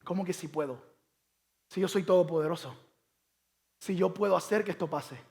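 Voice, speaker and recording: A man voicing Jesus in quoted lines during a sermon, speaking in a soft, calm voice, lower and quieter than his own preaching. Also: moderate pace, vocal fry. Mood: gently reproachful. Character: calm, gently reproaching Jesus, a grown man.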